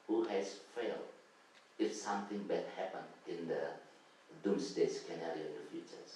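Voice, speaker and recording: An Indonesian academic panelist with a medium-pitched, dark-toned voice answers at a conference session, explaining earnestly while searching for words. The recording comes from an echoey conference hall with a distant mic and faint noise.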